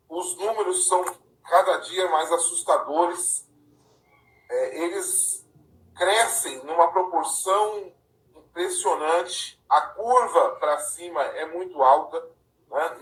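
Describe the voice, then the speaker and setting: Man, from Paraná, live-stream host, conversational, slightly high voice, echoey room, distant mic. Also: slow pace, fairly bright tone, a little hiss or hum. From Paraná, Brazil. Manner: conversational, often ends with a tag question. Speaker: live-stream host and councilors' association president. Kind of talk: casual live-stream chat.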